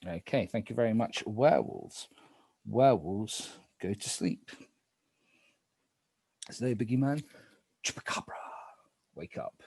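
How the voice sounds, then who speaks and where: A man narrates a game in a spooky, hushed moderator's style. His voice is husky and slow, sinking toward a whisper as he makes each deliberate call, with a widely moving pitch. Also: expressive, no room sound.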